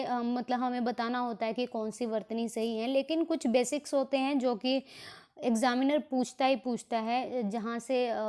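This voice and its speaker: A woman teacher with a Haryanvi accent walks through a grammar lesson for exam prep. Her voice sits high, and she explains patiently, saying each example word twice. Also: a little mellow. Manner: explains slowly, repeats example words.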